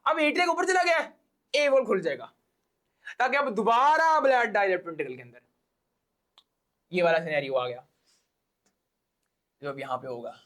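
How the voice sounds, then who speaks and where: A man's voice: high voice, very animated, moderate pace, long pauses, a bit bright. A man with a Pakistani accent giving a casual biology lecture to exam students, explaining step by step, repeating key points and checking that they follow.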